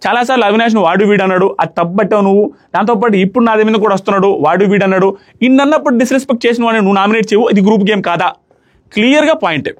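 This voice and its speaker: A young man giving rapid, argumentative commentary as a reality show reviewer, often asking rhetorical questions. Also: high voice.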